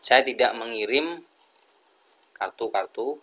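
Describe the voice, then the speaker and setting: A man with an Indonesian accent teaching English grammar, explaining each example slowly and deliberately. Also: mid-range voice, lively intonation, bright, forceful tone, slight background noise. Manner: slow, deliberate, switches between two languages.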